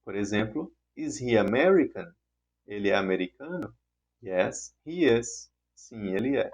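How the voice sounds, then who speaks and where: A man teaching an online English lesson in Portuguese, who repeats the example sentences patiently and clearly. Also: fairly low pitch, animated, a little slow, darkish tone.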